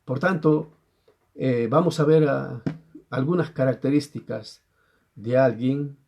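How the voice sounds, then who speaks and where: A man with a Chilean Spanish accent preaching a sermon in a church, reading scripture slowly and often asking the listeners whether they understand. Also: mid-range voice, creaky, highs cut off. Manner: checks understanding with frequent rhetorical questions; reads scripture slowly and deliberately. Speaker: pastor.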